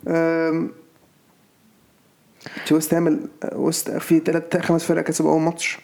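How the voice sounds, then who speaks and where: A man's voice: fairly high pitch, completely flat delivery, fairly quick, gravelly, a little mellow. A man with an Egyptian Arabic accent casually debating football as a co-host, argumentative and repeating himself.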